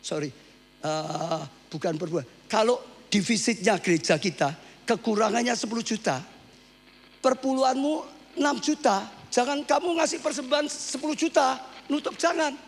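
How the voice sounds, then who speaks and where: Husky high-voiced pastor, yells then goes quiet, big echoey church with hum. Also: male voice, moderate pace. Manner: animated storytelling, shouting at peaks and dropping to soft asides. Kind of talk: sermon. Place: church hall. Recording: hum from a live church stream with long hall reverb.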